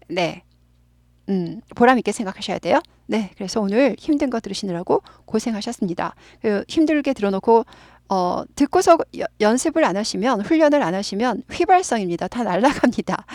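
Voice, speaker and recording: A woman's voice: mid-range voice, a little mellow, dry recording, studio quality. Patient Korean woman teaching English grammar. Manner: patient, stretches out key words, often says 예 and 네.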